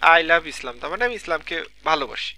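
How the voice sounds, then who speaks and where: A man's voice: on the high side, expressive, fast, bright, forceful tone. A man teaching a live online class from a computer mic, explaining step by step and checking in with students often, with a Bangladeshi Bengali accent. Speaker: lecturer.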